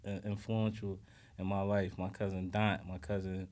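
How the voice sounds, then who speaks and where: A man from South Philadelphia, US, with a Philadelphia accent speaks casually as an interview guest, his low-pitched, slightly mellow voice level in tone and at normal speed. His slangy talk is peppered with "you know" tags, especially "you know what I'm saying".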